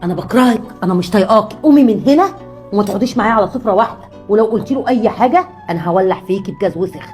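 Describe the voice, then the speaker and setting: A woman's voice: medium pitch, lively intonation, racing, a little mellow, faint music behind, close to an everyday voice. An actress playing a cruel, scornful middle-aged mother-in-law in a sketch, speaking with an Egyptian accent. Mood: spiteful. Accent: Egyptian Arabic. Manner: harsh, scornful, insulting. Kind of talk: comedy sketch acting.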